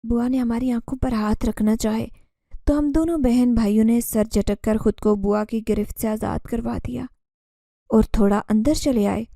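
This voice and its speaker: Warm-voiced woman narrating a story. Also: fairly high pitch, moderate pace, gravelly, no room sound, studio quality. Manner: steady dramatic first-person storytelling.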